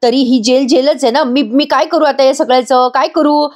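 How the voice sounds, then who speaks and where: A woman voicing a desperate young woman in jail, crying out in a high pleading voice. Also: fairly even intonation, normal speed, natural voice. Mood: despairing. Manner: shrill pleading cries.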